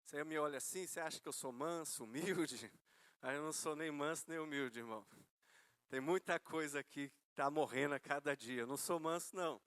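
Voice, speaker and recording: High, bright-voiced Brazilian preacher. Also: male voice, a little fast, no echo. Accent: Brazilian Portuguese. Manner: conversational, storytelling with self-mocking humor; asks listeners rhetorical questions, calls them brother. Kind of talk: sermon.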